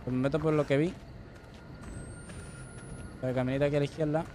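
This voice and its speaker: Male streamer, slightly high voice, jokey, prone to startled yelps over a noisy background. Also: little pitch movement, fairly quick, warm tone. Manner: jokey, mixes in English words, yelps when startled. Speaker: gaming streamer. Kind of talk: live gameplay commentary.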